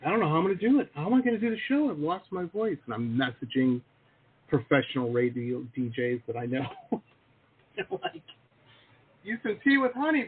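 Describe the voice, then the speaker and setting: A podcast host with a high-pitched, slightly rough voice interviews a guest, chatting casually and teasing him with jokes. The audio is tinny, like a phone call.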